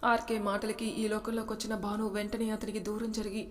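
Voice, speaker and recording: A woman's voice: mid-range voice, flat delivery, fairly quick. A woman narrating a romance story, reading every character's lines herself. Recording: long hall reverb.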